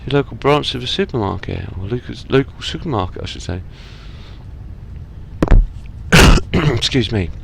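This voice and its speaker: Speaking a little fast with vocal fry, this gaming channel host has a medium-pitched, fairly bright voice and lively intonation. He chats casually through a trucking game at his home setup, rambling, apologizing and making fun of himself in let's-play commentary. There's a little hiss or hum.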